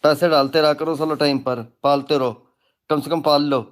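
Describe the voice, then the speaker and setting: Crude, mocking man ranting in a higher voice. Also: flat delivery, normal speed. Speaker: self-styled tantric guru. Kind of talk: casual live rant.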